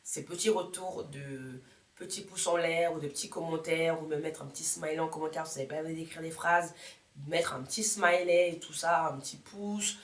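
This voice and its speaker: In an echoey room, a woman in her 30s records a chatty motivational vlog for her audience, stressing points by repetition and frequently fixing what she just said. Her low voice keeps a fairly even intonation at a moderate pace.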